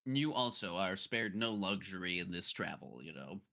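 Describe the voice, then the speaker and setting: Man, game master, lowish voice, casual narration with fillers. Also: expressive, gravelly, bright, forceful tone. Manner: casual, with fillers and drawn-out names.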